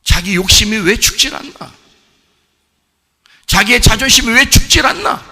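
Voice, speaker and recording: A man preaching a sermon as pastor, firing rhetorical questions at the congregation and swinging from hushed asides to shouted exhortation. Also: very high-pitched, expressive, normal speed, husky, big-room sound. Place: church sanctuary.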